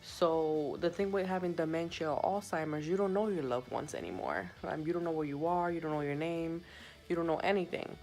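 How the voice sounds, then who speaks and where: A woman's voice: deep voice, fairly quick, a little mellow, faint music behind, poor audio. A young woman who works as a hospital sitter, telling a story in a chatty, subdued way with many fillers and recording on her phone. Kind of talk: casual story-time vlog.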